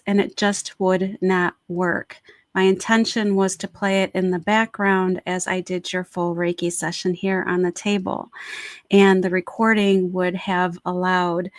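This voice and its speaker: A woman's voice: fairly low pitch, no room sound, studio quality. A woman talking informally and encouragingly as a Reiki practitioner, introducing a guided meditation on a livestream.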